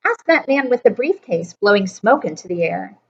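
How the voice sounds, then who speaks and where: A woman's voice: on the high side, sing-song, moderate pace, husky, lo-fi sound. A woman voicing the jester's eager, loyal storybook companion, urgent and encouraging.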